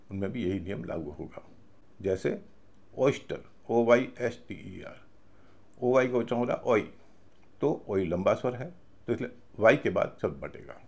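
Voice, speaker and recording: Gravelly-voiced man teaching a lesson. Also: fairly low pitch, darkish tone. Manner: patient, methodical, spells words letter by letter. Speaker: English pronunciation teacher. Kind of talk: video lesson lecture.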